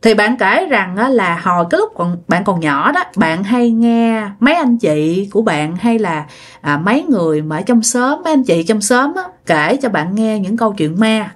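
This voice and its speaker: A woman's voice: mid-range voice, sing-song, moderate pace. A woman with a Southern Vietnamese accent, chattily retelling a listener's ghost story and repeating words for effect.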